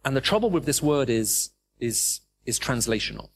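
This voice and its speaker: A man's voice: medium pitch, expressive, moderate pace. A middle-aged man with a British English accent, preaching a sermon to a live audience, emphatic and full of rhetorical questions. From raised in the Middle East.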